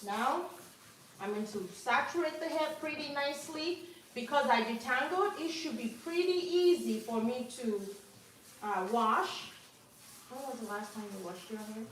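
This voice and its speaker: A woman hair care instructor gives a live, hands-on demonstration at a salon wash sink, speaking in a high voice at a slightly slow pace. She's chatty and coaching, getting loud and upbeat when excited. The room is very echoey, the mic distant, with faint noise.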